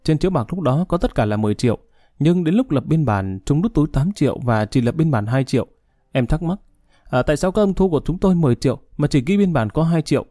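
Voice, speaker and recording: A man's voice: a little high, lively intonation, fast talker, warm tone, dry recording, clean studio sound. A man voicing a timid, deferential young male inmate telling how he ended up in jail. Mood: explaining. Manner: humble, apologetic.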